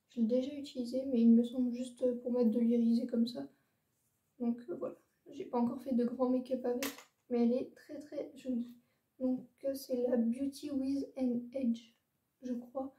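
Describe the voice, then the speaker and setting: A woman's voice: sits high, mellow. A young woman showing her makeup palettes in a casual, hesitant chat, full of fillers and repeated words. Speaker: beauty vlogger. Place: room lit by a ring light. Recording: roomy echo, a bit far from the mic.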